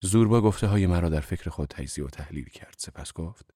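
A man narrating an audiobook in the first person, measured and calm. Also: low-pitched, dry recording, studio quality.

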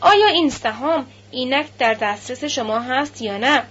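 A woman voicing a methodical male notary who questions in a measured, formal way. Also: high voice, lively intonation, fairly bright tone, slightly rough, full character voice. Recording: slightly muffled lo-fi recording.

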